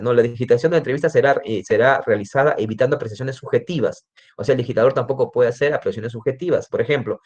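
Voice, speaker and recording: A man's voice: mid-range voice, darkish tone. A man with a Peruvian Spanish accent, a forensic psychologist giving a lecture, explaining step by step and often adding "¿no?" tags and restarting his sentences. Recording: slightly dull lo-fi recording.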